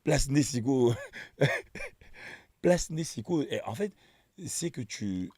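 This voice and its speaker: Lively gravelly-voiced radio host. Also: male voice, mid-range voice, slow, no room sound, clean studio sound. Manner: animated, excitable, stammers into questions. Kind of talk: conversational interview.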